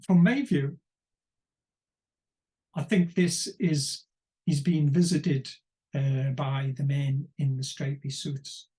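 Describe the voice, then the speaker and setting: Brief: male commentator, slightly high, mellow tone, rambling wry monologue. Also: steady tone. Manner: rambling and wry, pausing to search for words. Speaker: political commentator. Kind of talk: unscripted political commentary.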